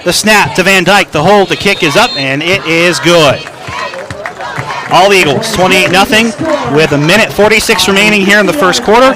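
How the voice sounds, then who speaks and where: A man calling high school football play-by-play on radio, his voice rising to a shout for an excited touchdown call. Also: normal speed. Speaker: play-by-play announcer. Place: stadium broadcast booth. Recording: crowd behind, outdoor game ambience.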